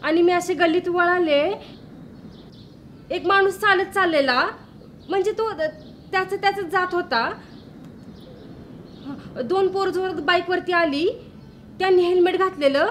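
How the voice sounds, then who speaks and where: A woman's voice: very high-pitched, measured pace, pauses often, slight background noise. An actress playing an anxious woman who is pushed to give false testimony and who hesitantly murmurs her words over and over. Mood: recounting. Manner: hesitant, rehearses phrases under her breath. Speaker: reluctant witness. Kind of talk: film drama.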